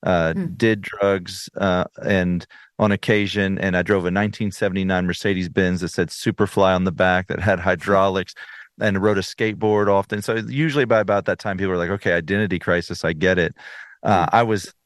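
Deep-voiced man telling his faith story. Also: fairly even intonation, brisk, no echo, clean studio sound. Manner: earnest storytelling with frequent restarts. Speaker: interview guest. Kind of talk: personal testimony in conversation.

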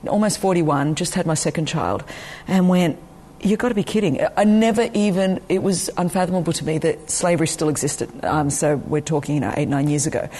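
A husky, dark, low voice at a fairly quick pace belongs to a woman in her forties, a ministry leader and interview guest. Greek is her first language and she has an Australian accent; she recounts her life earnestly and personally, with many ums.

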